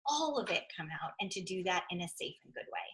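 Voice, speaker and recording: A woman's voice: on the low side, animated, fast, a bit bright, low-quality recording. A woman co-hosting a live panel, talking with earnest passion and acting out quoted voices. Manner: earnest, impassioned, quotes others in little voices. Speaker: co-founder, circle facilitator. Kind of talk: livestream panel talk.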